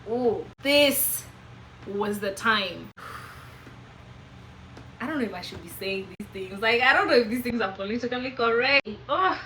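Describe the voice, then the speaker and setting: A woman with a Kenyan accent, hosting a casual vlog and chatting to the camera with lively, emphatic jumps in her voice. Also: a little high, measured pace, long pauses, a little hiss or hum, low-quality recording. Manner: animated, expressive, with sudden emphatic jumps. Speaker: vlogger host.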